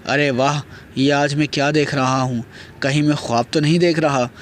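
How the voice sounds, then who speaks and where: A man's voice: a little high, fairly even intonation, slight background noise, lightly acted. A man voicing a surprised, delighted middle-aged uncle in an audio novel, speaking in an exclaiming way. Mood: amazed.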